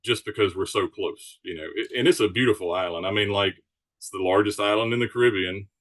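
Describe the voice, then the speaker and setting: Podcast guest: easygoing man, fairly low voice, informal and explanatory. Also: a little fast, a bit bright. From Alabama Gulf Coast, United States. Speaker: podcast guest, charter sailboat captain. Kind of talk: casual chat, explaining.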